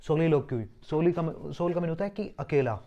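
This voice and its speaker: A man's voice: fairly high pitch, lively intonation, normal speed, highs cut off. A man teaching English vocabulary for an exam, spelling each word letter by letter and explaining roots and meanings, often repeating words and asking himself rhetorical questions. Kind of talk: exam-prep vocabulary lesson.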